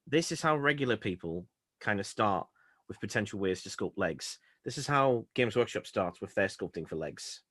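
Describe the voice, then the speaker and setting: A man's voice: lowish voice, animated, moderate pace, fairly bright tone, no room sound, studio quality. A man co-hosting a podcast, chatting casually, laughing and swearing as he talks. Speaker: podcast co-host.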